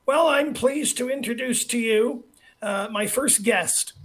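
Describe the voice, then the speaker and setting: A man's voice: extremely high pitch, measured pace, a bit bright. A man hosting a talk radio show, upbeat and folksy, from Canada. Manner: upbeat, folksy, reads sponsor lists.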